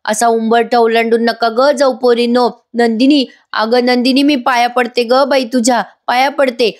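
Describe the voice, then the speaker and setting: A woman voicing a scheming older aunt in a TV serial recap, pleading in drawn-out melodramatic lines. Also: a little high, little pitch movement, lightly acted.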